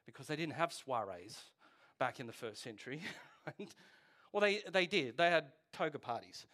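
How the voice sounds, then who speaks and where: This pastor, a man in his forties, speaks at normal speed in a slightly high, very animated voice with a sharp edge. His sermon is conversational and full of jokes, and he's chatty, regularly putting questions to the congregation.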